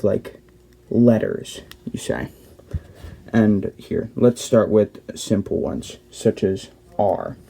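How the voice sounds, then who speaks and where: A young man hosts a casual, step-by-step cube tutorial, explaining things plainly and often correcting himself mid-sentence. His voice is on the low side, mellow and husky, with vocal fry.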